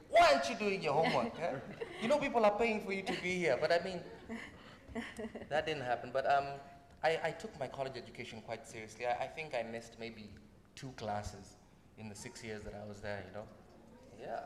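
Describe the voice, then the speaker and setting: With a fairly high-pitched voice, the Kenyan musician shares stories as a talk show guest, animated and full of laughter. His speech is marked by frequent restarts and repeated words, captured in a large, echoing hall with faint noise.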